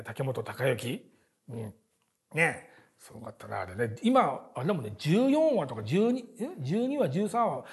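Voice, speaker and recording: A man's voice: fairly high pitch, darkish tone, slightly rough. A man in his forties, hosting a casual talk show, telling long rambling stories with many fillers and frequent laughter. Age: 40s. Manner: chatty storyteller, many fillers and restarts; laughs often while talking. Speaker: podcast host.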